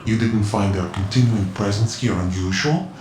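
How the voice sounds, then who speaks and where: An actor playing a mysterious male ninja informant with a Russian accent, giving cryptic, measured warnings. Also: lowish voice, noisy background, lightly acted. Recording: echoey game audio over music.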